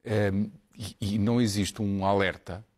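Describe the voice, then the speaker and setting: Low-voiced man analysing the news. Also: steady tone, a little mellow. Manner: measured, explanatory. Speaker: studio commentator.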